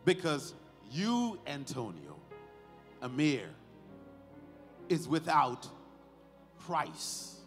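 His pitch a little high and swooping wildly, a pastor leading a baby dedication preaches to the family and congregation. He talks in deliberate short phrases with emphatic stresses and rhetorical questions, and the large church sanctuary adds reverb while music plays faintly behind.

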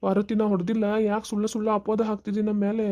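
A calm, fair-minded son and husband from a cartoon story, voiced by a woman. He scolds firmly in a warm, dark tone. He talks at a brisk pace. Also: medium pitch, dull audio, natural voice. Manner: firm, reproachful.

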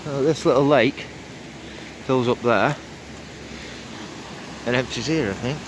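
Holding a phone as he walks through winter woodland dotted with derelict buildings, a vlogger thinks aloud in a loose, hesitant commentary. His voice sits in the mid range and he takes things slowly, with wind and outdoor noise on the phone mic.

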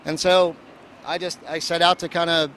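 A festival producer rambles and jokes his way through a casual outdoor street interview at a seaport, padding his talk with plenty of fillers. His voice sits on the high side and is a bit bright, with a flat delivery at a moderate pace. Faint street noise and traffic can be heard behind him.

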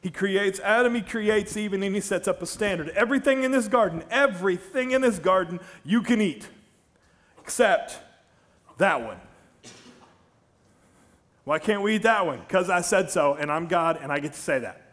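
A man's voice: sits high, normal speed. A middle-aged man preaching a sermon on a large church stage, telling stories and joking with the congregation. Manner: storytelling, animated, jokes with the congregation. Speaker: pastor.

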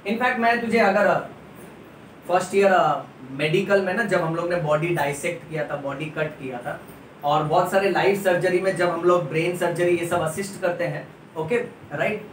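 A male biology teacher giving a playful lecture to students, repeating key terms slowly. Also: high voice, fairly bright tone, a little hiss or hum. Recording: echoey room, mic at a distance.

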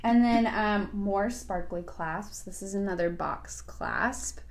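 A woman's voice: medium pitch, takes it slowly. A woman co-hosting a live beading show, chatting casually and gushing over each item with many fillers. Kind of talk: casual live product chat.

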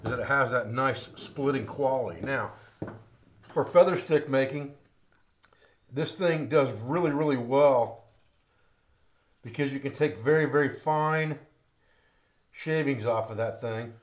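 A middle-aged man teaching outdoor skills in a plain, practical way. He talks as he works with his hands, at an ordinary pitch for a man. He is picked up by a camera mic a few feet off. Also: a little slow, pauses often. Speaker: bushcraft instructor. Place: outdoors by woods, then an open-sided metal shed.

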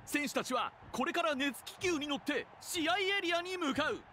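A man's voice: very high voice, lively intonation, normal speed, bright, forceful tone, a little hiss or hum, heavily acted. An actor playing a rousing male tournament announcer in a video game, with music behind him. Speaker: arena announcer. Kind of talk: game event commentary.

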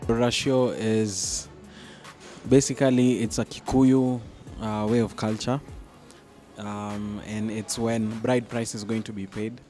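A young man explaining slowly in an interview in an indoor cafe, holding a handheld mic. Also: fairly low pitch, fairly even intonation, music in the background. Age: young adult. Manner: slow, explanatory.

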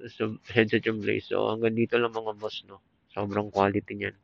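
This Filipino-accented man's voice is on the low side and gravelly, with a level tone at normal speed, in a dry recording. He reviews a product informally while riding his motorcycle outdoors, talking into a Bluetooth helmet headset; the intercom mic is muffled and picks up road noise.

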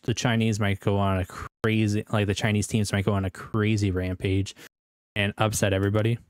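A man's voice: mid-range voice, dry recording, clean studio sound. A young American man with a rambling, self-correcting way of talking, giving casual esports predictions as a video host.

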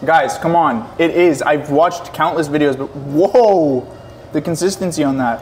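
Young male vlogger, slightly high voice, chatty and exclamatory while eating; faint restaurant chatter behind. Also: unhurried, darkish tone, a little hiss or hum. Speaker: co-host. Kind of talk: casual food mukbang chat. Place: restaurant in Toronto.

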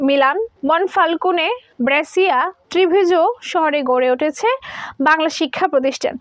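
Female newsreader, young, extremely high voice, formal scripted delivery, close and dry. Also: no echo. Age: young adult. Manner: formal, measured reading. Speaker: news presenter. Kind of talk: scripted news narration.

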